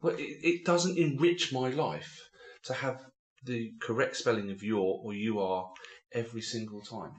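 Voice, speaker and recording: A man in his forties from England, co-hosting a podcast and telling stories in a casual, animated way with lots of fillers. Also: medium pitch, measured pace, hardly any pauses, reverberant. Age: 40s. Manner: animated storytelling, many fillers and restarts. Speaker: podcast co-host. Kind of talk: casual chat.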